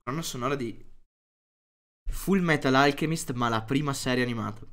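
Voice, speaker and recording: A man's voice: medium pitch, moderate pace, a bit bright. A young man doing casual, profane, self-mocking stream commentary.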